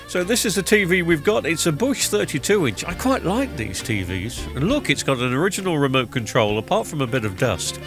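A middle-aged man, stuffy-nosed from a cold, does a loose, casual voiceover about repairing a TV, full of ums and uhs. His voice sits on the high side and sounds very animated, moving briskly with few pauses. He's a TV repair vlogger recording on a studio mic in post-production, with music playing underneath.

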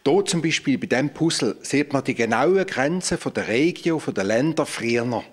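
A man's voice: medium pitch, lively intonation, normal speed, husky. A man, a museum director explaining exhibits on a guided tour, speaking into a handheld mic in a large exhibition hall. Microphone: handheld microphone.

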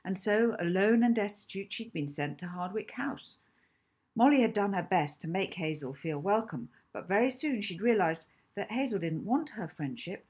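Husky woman reading her own storybook. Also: medium pitch, moderate pace. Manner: animated storytelling, acting out lines. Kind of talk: expressive audiobook narration.

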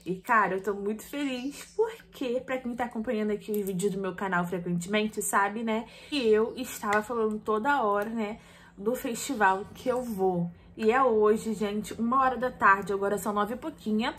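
A young Brazilian woman talks casually to her vlog viewers at a middling pitch. She is wearing a retainer, which gives her words a slight lisp. The phone recording picks up clear room noise behind her. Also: moderate pace, a bit bright. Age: 20s. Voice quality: slightly lisping speech from wearing a removable retainer. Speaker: vlogger. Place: small bedroom and tiled kitchen indoors.

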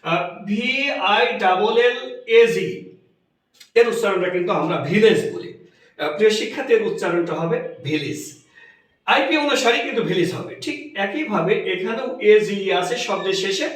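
A man from Bangladesh with a Bangladeshi Bengali accent teaching English pronunciation in a slow, repetitive classroom manner, spelling out letters one by one. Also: high voice. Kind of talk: classroom lesson. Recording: very echoey room, voice from far off.

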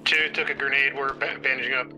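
A man's voice comes through an in-game radio, reporting in short military callouts. His delivery is quick and level, with almost no rise or fall, and stays terse and businesslike. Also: mid-range voice, little pitch movement, music in the background, poor audio. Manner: terse and procedural. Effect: heard over an in-game radio. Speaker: player on a squad.

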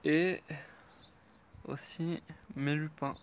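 A man giving a casual tour of his vegetable garden, talking in an unhurried, hesitant way with many fillers. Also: fairly high pitch, fairly even intonation, a little hiss or hum.

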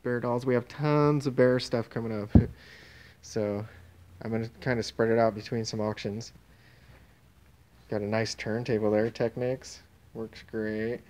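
With a phone camera in hand, a man strolls through a warehouse and tent, casually naming auction items in an offhand way that trails off mid-phrase. His voice sits in the mid-range with a dark tone, and the talk is loose walkthrough narration.

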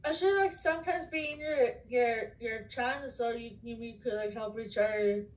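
A woman chatting with a stranger over video chat, gushing and excitable. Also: fairly high pitch, moderate pace. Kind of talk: casual chat. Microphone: video chat computer mic.

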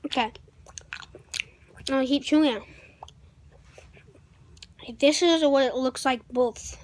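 A woman's voice: high-pitched, a little mellow. A young female vlogger talking casually to viewers while chewing gum. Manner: casual, unhurried, talks to viewers. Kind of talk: casual snack taste-test vlog.

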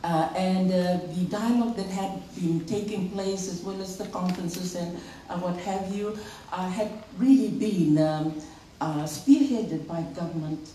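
A woman giving formal panel remarks, slow and halting, with many fillers. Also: lowish voice, warm tone. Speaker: panel speaker for a women's NGO. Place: event hall. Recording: echoey hall, distant mic, faint noise.

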